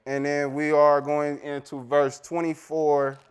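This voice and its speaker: A man's voice: a little high, flat delivery, clear, resonant tone. A man teaching a casual Bible study, quizzing the group and reading scripture aloud. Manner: chatty, quizzes the group, Southern-style "y'all"; reads scripture aloud slowly.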